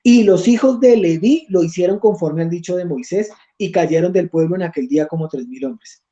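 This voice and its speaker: A man's voice: high voice, normal speed, warm tone, lo-fi sound. A man teaching an online Bible study class, reading scripture aloud and checking in with his listeners.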